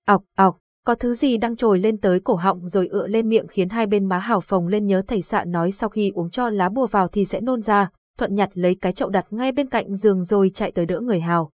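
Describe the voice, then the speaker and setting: A woman's voice: mid-range voice, fast talker, hardly any pauses, no room sound. Woman reading a ghost story. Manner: steady storytelling. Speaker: audiobook narrator. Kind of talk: scripted horror narration.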